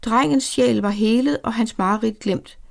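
A woman narrating a story aloud in a calm, measured way. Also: on the high side, vocal fry. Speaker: audiobook narrator. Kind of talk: scripted narration.

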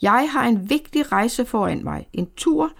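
A woman's voice: fairly high pitch, animated, creaky. Woman reading as a proud, angry old-time king. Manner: scornful, dismissive.

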